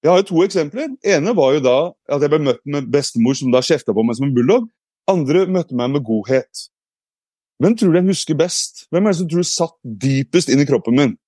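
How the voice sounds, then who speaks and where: A man's voice: fairly high pitch, lively intonation, dark tone, no room sound, studio quality. A man giving a casual explanatory talk, reflective, with frequent hesitations and restarts. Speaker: speaker.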